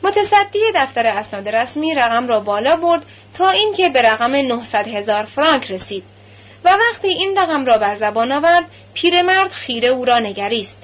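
High-voiced woman reading an audiobook. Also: sing-song, a bit bright. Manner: measured, formal reading. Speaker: narrator. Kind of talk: scripted audiobook narration. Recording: slightly muffled lo-fi recording.

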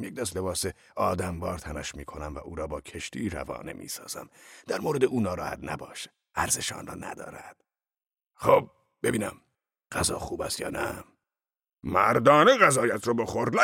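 Man playing a gruff earthy old rogue, deep gravelly voice, teasing and lively, dry close mic. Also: dry recording, exaggerated voice. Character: boisterous, earthy older man, gruff and mocking. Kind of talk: audiobook drama acting.

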